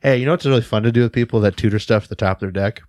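Joking low-voiced male co-host. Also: very fast, a little mellow, dry recording, clean studio sound. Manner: jokey, laughs often. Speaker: podcast co-host. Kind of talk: casual chat.

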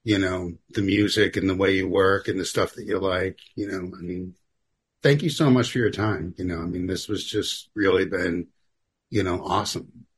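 A man's voice: sits low, moderate pace, slight background noise. A man hosting a podcast in a laid-back, casual way, with plenty of filler words. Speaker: podcast host.

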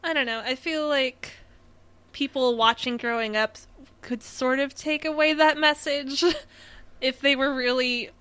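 Bright, giggly young woman. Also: sits high, fairly even intonation, a little slow, clear, resonant tone. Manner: giggly, laughs often between sentences. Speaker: podcast co-host. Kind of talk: casual chat.

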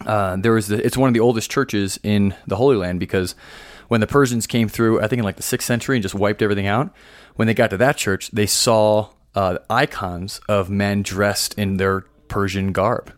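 A young American man with a fairly low voice, recorded dry. He co-hosts a casual podcast, explaining things loosely and informally with slangy, conversational phrasing. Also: fairly even intonation, moderate pace, no room sound. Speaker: podcast co-host, seminarian.

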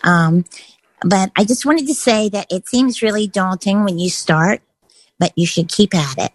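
A woman's voice: mid-range voice, measured pace, dry recording. A woman calling in to a radio show, speaking in an earnest, encouraging way. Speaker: caller. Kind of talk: call-in radio chat.

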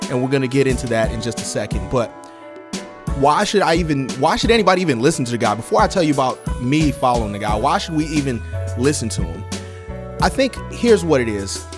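Male podcast host, average pitch, informal direct address, clear music underneath. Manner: colloquial, addresses listeners directly. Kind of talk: casual solo podcast talk.

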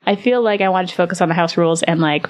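Giggly chatty woman podcast host. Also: rapid-fire. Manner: giggly, chatty, pitch jumps high when excited. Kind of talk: casual board game chat.

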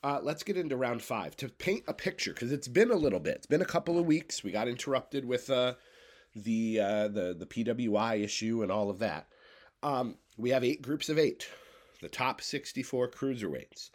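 Sick with congestion and a cough, a man in his thirties hosts a solo podcast from his bedroom at home, rambling in a loose stream of consciousness. He has a mid-range voice with lively intonation and talks at a normal speed.

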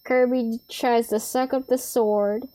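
Slow, higher-voiced woman co-host. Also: fairly even intonation, mellow. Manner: laid-back, short reactions. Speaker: podcast co-host. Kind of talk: casual chat.

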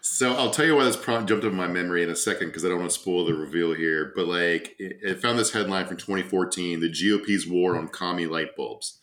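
A man's voice: deep voice, a little fast, few pauses, fairly bright tone, reverberant. A man co-hosting a podcast, telling a story in a loose, rambling way with lots of fillers and the odd swear. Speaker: podcast co-host. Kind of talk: casual chat.

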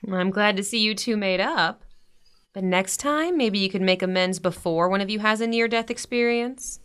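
A woman plays a warm, gently teasing middle-aged mother in a naturalistic audio drama, offering earnest advice. Her mid-range voice is clean, lightly acted and delivered at a normal speed.

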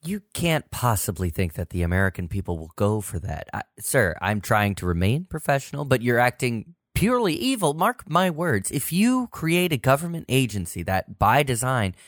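A man's voice: mid-range voice, sing-song, moderate pace, few pauses, no room sound, clean studio sound, close to an everyday voice. A man playing a worried, deferential Secret Service agent in a satirical sketch, pleading formally and politely. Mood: alarmed. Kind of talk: scripted satirical sketch acting.

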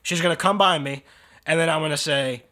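A man with a bright, somewhat forceful tone and a voice pitched a little above average. He rambles through exasperated complaints in loose, casual banter, often speeding up in bursts. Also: fairly quick.

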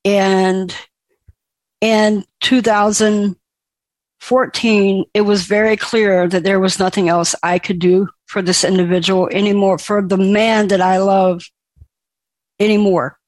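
Slow, emotional woman telling her story. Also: mid-range voice, flat delivery, no room sound. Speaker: speaker sharing a personal story. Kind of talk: personal testimony.

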